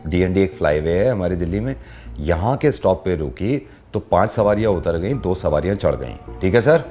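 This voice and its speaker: A male radio host chatting playfully with a caller, telling jokes and riddles in a teasing, animated way. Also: deep voice, normal speed, soft background music. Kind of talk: playful prank call chat.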